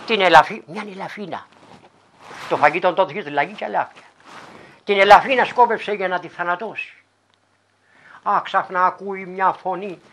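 Ροδίτισσα αφηγήτρια λαϊκού παραμυθιού. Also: female voice, on the low side, pauses often, a bit bright. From Laerma, Rhodes. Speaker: folk storyteller. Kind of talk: traditional folk tale telling.

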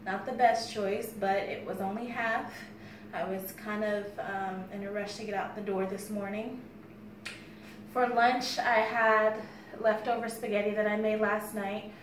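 A woman's voice: medium pitch, level tone, a little slow. An American woman in her thirties chatting casually to the camera as a fitness vlogger. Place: bare-walled room indoors. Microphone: phone camera a few steps away. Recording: echoey room with faint background noise.

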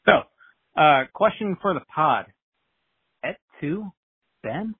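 A man's voice: on the high side, animated, takes it slowly, husky, no echo. A man leaving a joking, teasing voicemail for a podcast, played back over a phone line. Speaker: voicemail caller. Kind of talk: casual phone message.

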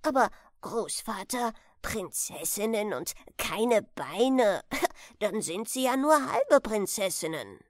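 A woman's voice: medium pitch, big pitch swings, slow, no echo, clean studio sound. A woman voicing two curious young boys who ask eager, wondering questions. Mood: amazed.

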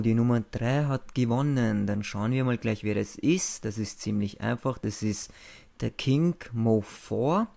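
A man's voice: fairly low pitch, creaky, warm tone. A young man narrating a screencast in a casual, informal and matter-of-fact way, as the host of a video channel.

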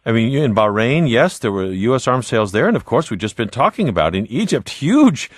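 A man hosting a radio call-in show, steady and composed as he introduces guests and takes callers on the air. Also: mid-range voice, brisk, no echo, clean studio sound. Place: radio studio.

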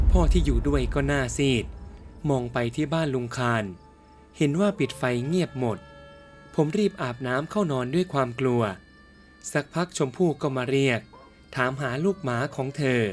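A man telling a first-person ghost story in a steady, even storytelling manner. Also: a little high.

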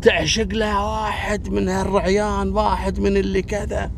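A man's voice: high-pitched, flat delivery, moderate pace, vocal fry, background noise, voice pushed up. A man voicing a humble but provoked neighbour, heated and accusing.

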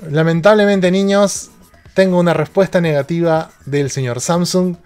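A man's voice: fairly high pitch, darkish tone. A man, a tech streamer chatting casually on a live stream and joking as he reads out viewer questions.

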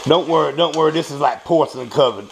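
Talking fast in a voice on the high side, this American-accented home cook walks through a recipe in an offhand, folksy manner, salty language included, and keeps repeating himself. He's standing at the stove in a small kitchen at home. You can clearly hear frying, stirring, clinking dishes, and the clatter of pans and utensils.

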